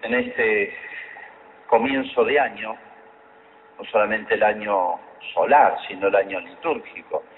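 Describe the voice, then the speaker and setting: A man's voice: on the low side, measured pace. A man speaking as a priest at Mass in a solemn liturgical style, with cathedral echo around his voice. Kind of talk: solemn Gospel reading and homily. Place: large reverberant church. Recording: cathedral echo, muffled noisy church recording.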